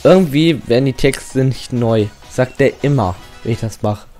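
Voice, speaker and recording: A man's voice: mid-range voice, normal speed, mellow, faint music behind. Casual, slangy young man playing a game. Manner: casual and slangy, reads game text aloud. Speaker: gaming channel host. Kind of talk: let's-play commentary.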